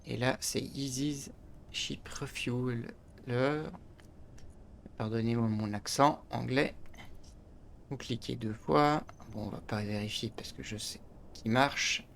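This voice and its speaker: Gaming channel host, male, talks a player through a game step by step, slow and gravelly. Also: medium pitch, steady tone, fairly bright tone, a little hiss or hum. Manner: step-by-step explaining, frequent "hop" and restarts. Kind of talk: game tutorial commentary.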